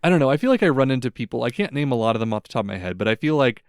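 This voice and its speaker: Racing along in an animated, mid-range voice, this young podcast host from the United States rambles casually through his stories, leaning heavily on "like" and other fillers. It's studio quality with no room sound.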